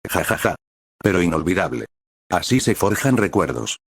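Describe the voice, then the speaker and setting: A man's voice: sits low, big pitch swings, normal speed, gravelly, breathy edge, dry recording, studio quality, heavily acted. A man voicing a fiery, cheerful male swordsman who speaks with enthusiasm. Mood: hearty. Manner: enthusiastic and upbeat.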